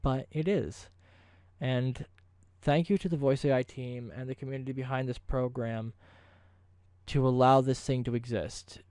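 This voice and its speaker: Ad-libbing his way through a promotional vlog, this man gushes and rambles in a casual, effusive manner. His medium-pitched voice is a little mellow, and the recording has no room sound.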